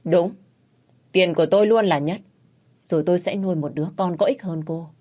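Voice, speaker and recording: A woman voicing a greedy, cruel middle-aged stepfather who shouts and curses with contempt. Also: on the low side, fairly quick, natural voice. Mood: contemptuous.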